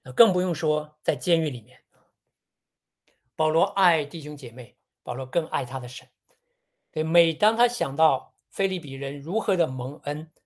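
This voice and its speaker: A preacher giving a sermon on a Bible passage in a measured, teaching tone, often posing rhetorical questions. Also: mid-range voice.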